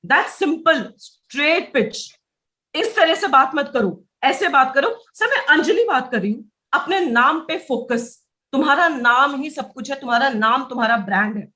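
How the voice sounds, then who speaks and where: A woman's voice: high-pitched, a little slow, pushed and bright. A woman teaching a motivational sales lesson, emphatic and repeating key phrases. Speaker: sales trainer.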